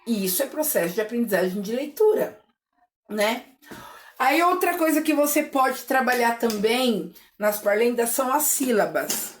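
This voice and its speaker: A woman's voice: a little high, lively intonation, slight background noise. Woman teacher chanting rhymes, echoey room. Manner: chants rhymes slowly, syllable by syllable. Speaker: literacy teacher. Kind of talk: teaching video for families.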